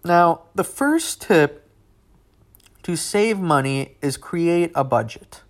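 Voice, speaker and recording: Young guy rambling thru his money podcast, bit higher voice, chatty, wanders off on tangents. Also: expressive, slow. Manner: rambling and conversational, with asides. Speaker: podcast host. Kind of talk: casual solo podcast talk.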